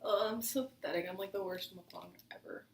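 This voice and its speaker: A woman's voice: mid-range voice, fairly even intonation, quick pace, gravelly. A woman chatting casually through a mukbang, rambling with lots of fillers between bites. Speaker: vlogger. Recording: roomy, distant camera audio with faint hiss.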